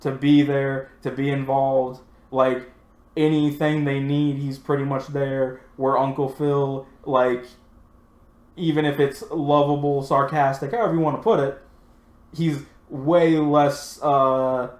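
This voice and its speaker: A man's voice: mid-range voice, flat delivery, takes it slowly, darkish tone. Easygoing man rambling in casual talk. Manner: easygoing, rambling, uses fillers like "like" and "um". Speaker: podcast co-host. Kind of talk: casual chat. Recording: roomy echo.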